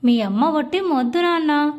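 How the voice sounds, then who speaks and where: A doting middle-aged father speaks tenderly and reassuringly to his daughter, read by a woman. The voice sits very high and is close to her everyday speaking voice. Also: expressive, moderate pace.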